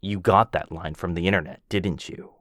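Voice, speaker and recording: Voicing a jealous, bragging werewolf for ASMR boyfriend roleplay, this male actor mocks his rival and teases in a cocky, bouncy way. He speaks at a normal pace in a low, slightly bright voice with fairly even intonation. The studio recording has no room sound.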